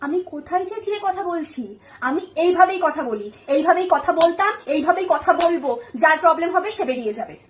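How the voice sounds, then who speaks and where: A woman's voice: very high-pitched, very fast, a bit bright, far from the mic. A woman playing a sulking, touchy young wife who complains and pities herself in a comic sketch. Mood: indignant. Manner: huffy, complaining, melodramatic. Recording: echoey room, off mic, background noise.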